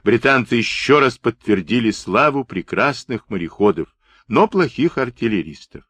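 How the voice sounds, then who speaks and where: A man narrating a book in an expressive, dramatic storytelling manner on a close mic. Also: mid-range voice, normal speed, no room sound. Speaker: audiobook narrator.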